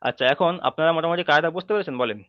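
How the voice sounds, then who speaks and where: A man's voice: fairly high pitch, dry recording. Patient man teaching recitation. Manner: repeats rules patiently, drawn-out letter demonstrations. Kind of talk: online tajweed lesson. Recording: dull dry lo-fi recording.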